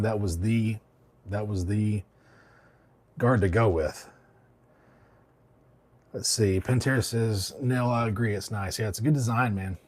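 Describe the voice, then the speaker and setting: A man's voice: medium pitch, a little mellow. A man from Alabama, hosting a barber livestream, chatting casually and reading out comments while a bit under the weather. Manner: rambling, laid-back, many fillers and restarts.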